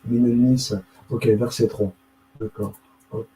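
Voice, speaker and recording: A man runs casual screen-share commentary on his own video channel, musing aloud, interrupting himself and muttering while looking things up. His mid-range voice is steady, warm and a little slow, on a rough recording with slight background noise.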